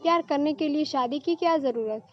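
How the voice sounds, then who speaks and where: Woman reading a teasing giggly young woman, high-pitched, storybook, muffled lo-fi recording. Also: fairly quick, natural voice.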